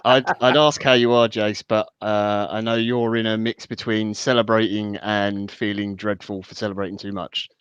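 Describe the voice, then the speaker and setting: Smooth low-voiced man, slightly dull audio. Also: little pitch movement, normal speed, few pauses, no echo. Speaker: guest football pundit. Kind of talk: casual match analysis.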